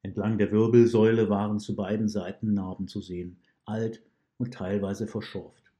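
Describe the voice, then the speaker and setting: Storyteller: man, low mellow voice, calm measured read-aloud narration.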